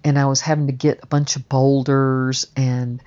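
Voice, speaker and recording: A woman's voice: extremely low pitch, level tone, moderate pace, mellow. A woman telling a personal story in a chatty, rambling way, full of fillers and restarts. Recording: dull, muffled audio.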